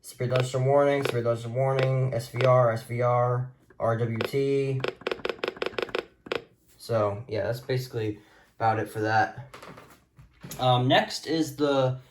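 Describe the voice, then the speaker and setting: A man with a mid-range voice and fairly even intonation speaks at a measured pace with long pauses, and there is background noise. He casually demonstrates his radio collection into a handheld phone camera, hesitating and rambling as he goes.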